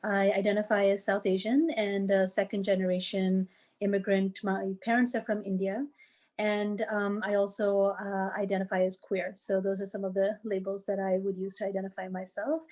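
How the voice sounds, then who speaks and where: A woman's voice: mid-range voice, little pitch movement, moderate pace. A woman in her forties from the Washington, D.C. area, telling her family story in a casual, tentative way with frequent fillers. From United States, D.C. area. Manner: tentative, many fillers, warm laughs. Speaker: podcast guest sharing her story.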